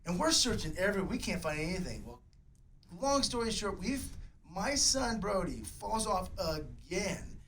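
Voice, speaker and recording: A male coach telling a funny family story in a casual podcast chat, animated and laughing as he goes. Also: high-pitched, normal speed, slight background noise, low-quality recording. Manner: animated, lively storyteller who laughs at his own tale.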